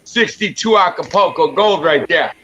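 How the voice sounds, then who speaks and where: A man's voice: fairly high pitch, expressive, moderate pace, fairly bright tone, muffled recording, slight background noise. A man from the Midwest with an accent that sounds East Coast, chatting casually as a guest on a stream, easygoing and given to repeating himself. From Midwest US, Minnesota. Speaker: guest caller. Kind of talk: casual chat on a live stream.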